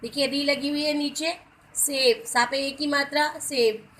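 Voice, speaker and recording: Bright high-voiced woman teaching grammar. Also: steady tone, unhurried, low-quality recording. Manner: addresses students as beta, spells out letters one by one; briefly sings film song lines as examples. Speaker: Hindi teacher. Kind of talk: grammar lesson.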